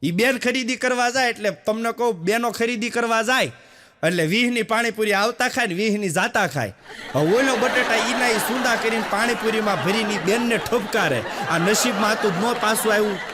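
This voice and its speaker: A man's voice: sits high, normal speed, heavy background noise. A man from doing folksy stand-up storytelling, with a chatty manner that speaks straight to the audience. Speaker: stand-up comedian.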